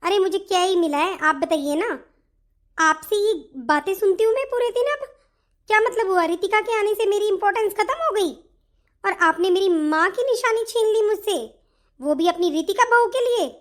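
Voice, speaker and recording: A woman voicing a fed-up elder daughter-in-law in an animated family story, speaking in an indignant, complaining way. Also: very high voice, moderate pace.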